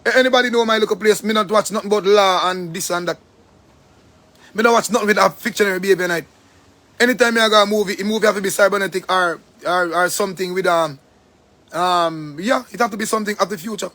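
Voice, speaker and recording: High-voiced Jamaican man ranting loosely. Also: fast. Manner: rambling, profane, animated. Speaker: live-stream host. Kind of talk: casual live-stream rant.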